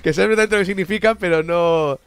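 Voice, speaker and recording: A man's voice: high voice, smooth, dry recording. A man with a Catalan accent, a native Catalan speaker, hosting a casual chat on his channel and talking in a joking way, swearing now and then. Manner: fast, joking, swears casually, mixes languages. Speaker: channel host.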